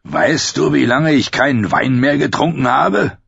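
A man voicing a hardened warrior who talks bluntly, rough and contemptuous. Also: medium pitch, expressive, unhurried, a bit bright, no room sound, pitched above the performer's own voice, full character voice. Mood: scornful. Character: gruff hardened scarred warrior, scornful. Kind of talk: audiobook character voice. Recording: dull, lo-fi, dry.

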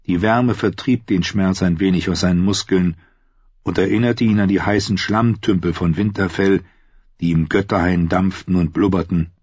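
A man narrating an audiobook in a steady, measured storytelling voice, recorded close on a slightly dull lo-fi recording. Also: sits low, husky, no room sound.

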